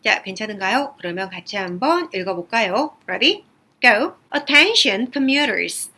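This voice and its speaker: Lively woman teaching English. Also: medium pitch, moderate pace. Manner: lively, switches between English reading and Korean explanation. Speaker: English speaking test tutor. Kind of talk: explaining reading passages and pronunciation.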